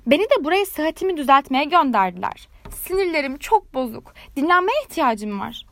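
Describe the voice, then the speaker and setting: Woman playing a haughty storybook firework rocket, high-pitched, indignant, puffed up with self-importance. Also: sing-song, moderate pace.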